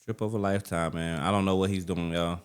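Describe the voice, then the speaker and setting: A man's voice: low-pitched, steady tone, quick pace, clear, resonant tone. A man co-hosting a podcast, chatting casually in a slangy way. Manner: slangy, often tags lines with man, dog or bro. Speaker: podcast co-host. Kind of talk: casual chat.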